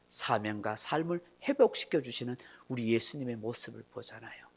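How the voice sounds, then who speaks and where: A male pastor preaches a sermon emphatically, with many rhetorical questions. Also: on the high side. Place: church.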